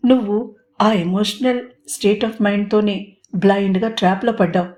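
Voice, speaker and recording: A composed young male police officer in a romantic audio storybook, steady and measured with a dry teasing edge, as a woman narrator reads him. The voice is mellow and warm. He sounds in control even when provoked. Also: medium pitch, lightly acted. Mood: calm.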